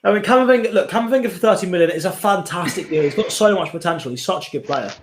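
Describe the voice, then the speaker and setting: A man's voice: high voice, animated, very fast, roomy sound, slight background noise, low-quality recording. A young man hosting a football watchalong stream, chatting and thinking aloud. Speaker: stream host. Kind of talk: casual football chat.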